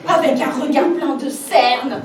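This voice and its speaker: High, echoey actress as a doubtful old spinster. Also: female voice, unhurried, crowd noise. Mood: self-doubting. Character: doubtful, self-deprecating spinster of sixty-six. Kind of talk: amateur stage comedy acting. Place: theatre stage, recorded from a distance. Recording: echoey theatre from far off, clearly noisy.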